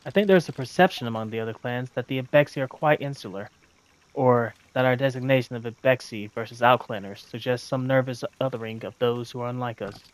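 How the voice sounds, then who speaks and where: A man reading a story game aloud in measured, thoughtful narration with occasional commentary. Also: mid-range voice. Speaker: gaming video narrator.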